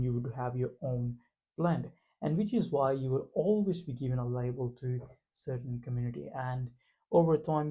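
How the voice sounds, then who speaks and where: A man's voice: mid-range voice, gravelly, warm tone, husky. A man from Punjab with an Indian accent, talking reflectively to camera in a loose, casual way. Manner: reflective, loose phrasing full of fillers. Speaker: vlogger.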